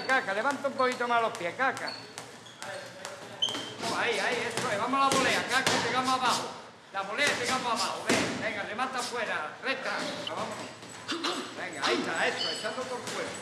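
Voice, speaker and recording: A man's voice: very high-pitched, fairly quick. A man coaching boxers, firing off short repeated commands. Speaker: boxing trainer. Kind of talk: coaching shouts during training. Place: large echoing boxing gym. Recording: roomy gym echo, loud background noise.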